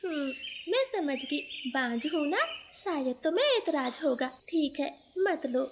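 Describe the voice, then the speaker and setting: A woman voicing a gentle young female sparrow daughter-in-law in a storybook cartoon, speaking softly and patiently. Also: high-pitched, lively intonation, unhurried, slight background noise. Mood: meek. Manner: soft, meek, patient.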